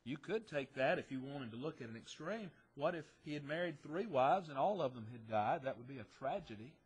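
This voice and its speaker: A man preaching a sermon in church, stressing phrases loudly and dropping to quiet asides, asking rhetorical questions and answering them himself. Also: mid-range voice, expressive, brisk, breathy edge.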